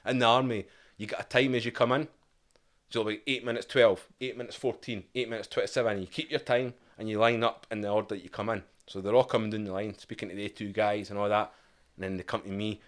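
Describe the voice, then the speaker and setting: A man with an Edinburgh Scottish accent, a podcast guest telling a lively, profane story and acting out shouted quotes. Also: on the low side, fast talker. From Scotland. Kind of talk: casual storytelling.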